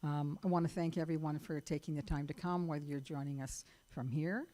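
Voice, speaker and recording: Woman running a church meeting, halting. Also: sits low, steady tone, dark tone. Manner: halting, with fillers and restarts. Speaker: meeting organizer. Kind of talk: church annual meeting business. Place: church sanctuary. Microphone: microphone with sound trouble. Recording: long church reverb, faint noise.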